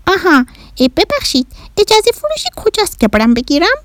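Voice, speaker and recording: A woman's voice: very high-pitched, big pitch swings, no echo, pitched above the performer's own voice. A woman voicing a curious, mischievous little Martian boy who talks in broken, childlike sentences. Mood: playful. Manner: broken ungrammatical speech, childlike wonder.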